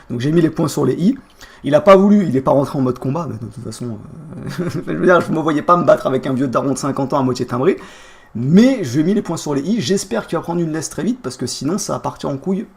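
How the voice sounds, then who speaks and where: Young male streamer, gravelly and quick, swearing through an angry casual rant. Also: on the high side, darkish tone. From France. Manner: vulgar, heated storytelling with street slang.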